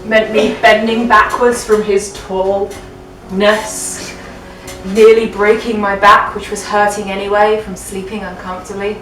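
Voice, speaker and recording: Reading a little slowly, a drunk woman with a fairly bright, mid-range voice keeps her tone level while giving a playfully theatrical, giggly rendition of fan fiction for a comedy web show. The jokey reading is set against music in an echoey room, picked up by a distant mic.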